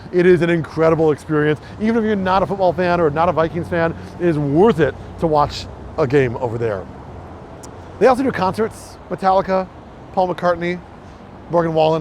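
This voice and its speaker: A man's voice: fairly high pitch, a little hiss or hum. A man, chatty and enthusiastic, laughing often as he guides a walking tour through city streets outdoors.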